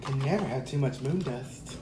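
A woman's voice: very deep voice, moderate pace. A woman chatting casually with a friend, teasing and laughing often. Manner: giggly, teasing. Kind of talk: casual chat. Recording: roomy with loud noise.

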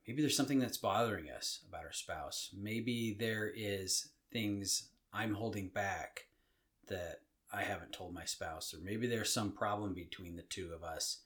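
A man's voice: lowish voice, fairly bright tone. Middle-aged man musing on a podcast. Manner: thoughtful, halting with frequent restarts. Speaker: podcast co-host. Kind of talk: casual marriage podcast chat.

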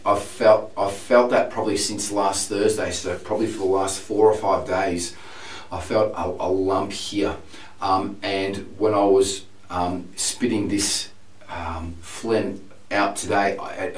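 Still getting over laryngitis, this voice coach records a video diary and reports candidly and at length, taking his time. Congestion leaves his low-leaning voice a bit hoarse and strained, and a piano can be heard in the spacious, distant-sounding room.

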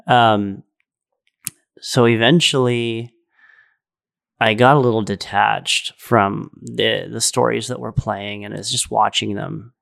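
A man's voice: fairly low pitch, fairly even intonation, slow, gravelly, fairly bright tone. A young adult man telling a spiritual story in casual chat, earnest and rambling, with lots of fillers. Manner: rambling and earnest, full of "like" and "right?".

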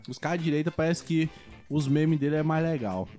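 A man's voice: fairly high pitch, normal speed, creaky, over loud music. A Brazilian man co-hosting a podcast, joking and swearing through casual banter. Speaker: podcast co-host.

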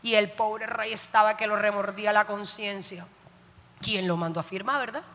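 A woman's voice: medium pitch, fairly even intonation, normal speed, fairly bright tone. A woman preacher giving an emphatic sermon in a church hall, often putting questions to her listeners. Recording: long hall reverb.

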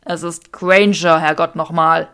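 An irritable, jealous young wizard man played by a woman reading a fanfiction story. He snaps his lines in a clipped way, slightly lower than the reader's own voice and louder. It sounds like an audiobook read aloud. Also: steady tone, moderate pace. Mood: irritated. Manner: clipped and snappish, raised voice.

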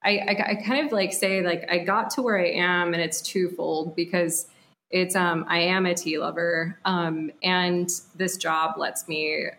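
A woman's voice: lowish voice, fairly even intonation, a little slow, a bit bright, a little hiss or hum. A woman in her thirties from Texas, a company founder chatting as a podcast guest, full of fillers and frequent laughs. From Texas, USA. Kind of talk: casual interview.

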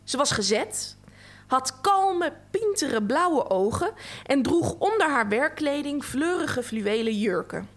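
A woman reading a literary text aloud in a measured, expressive way. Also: high voice. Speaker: reader.

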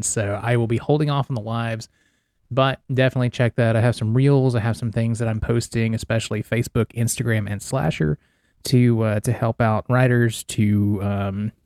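A man's voice: medium pitch, a little mellow, no echo, studio quality. Slightly wheezy man hosting a casual podcast. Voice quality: slightly wheezy, mouth-breathing. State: congested breathing. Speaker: podcast host and author. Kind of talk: casual solo podcast talk.

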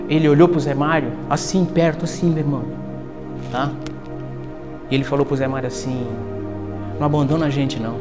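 A Brazilian man preaching a sermon to his congregation, calling them "my brother" and swinging from hushed asides to loud exhortation. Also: a little high. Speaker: pastor. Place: church service with congregation in masks. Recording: long hall reverb with faint music.

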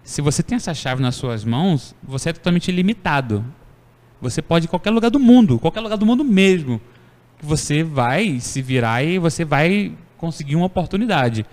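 A man hosting a casual podcast conversation, telling stories in a playful, animated way. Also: fairly high pitch, a little fast, long reverb tail. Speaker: podcast host.

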